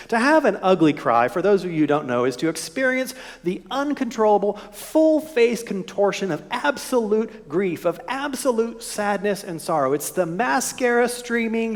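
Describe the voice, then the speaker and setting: A male pastor preaching a sermon in a church, expressive, at times dropping his voice almost to a whisper. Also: on the high side. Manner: expressive preaching, drops to near whisper at moments. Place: church sanctuary. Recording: echoey church hall.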